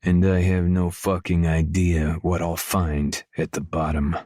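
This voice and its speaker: Deep-voiced male audiobook narrator. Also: level tone, a little slow, mellow, dry recording, studio quality. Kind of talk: scripted first-person audiobook narration.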